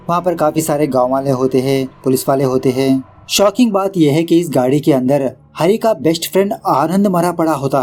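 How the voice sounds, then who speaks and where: A man's voice: on the high side, a little mellow. A man narrating a casual recap of a horror film, mixing in English words and joking at the director. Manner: brisk storytelling with English words mixed in; quips at the film's director. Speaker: movie explainer.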